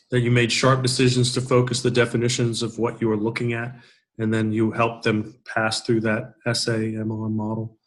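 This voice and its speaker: A man giving casual, encouraging peer feedback on a video call, rambling with many restarts. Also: on the low side. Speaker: peer reviewer.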